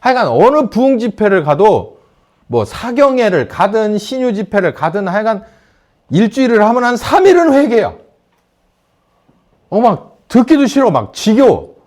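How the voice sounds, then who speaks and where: A male pastor delivering a sermon, his voice sitting a little high and swinging widely in pitch. He asks the congregation questions as he goes and acts out shouted quotes with force. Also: very animated, moderate pace.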